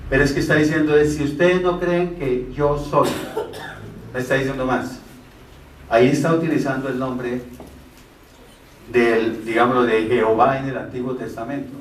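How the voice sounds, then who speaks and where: Working through Bible verses step by step, a preacher raises rhetorical questions and then answers them. His medium-pitched voice has fairly even intonation and a moderate pace, and he pauses often. The sound is captured from a distance in a roomy space.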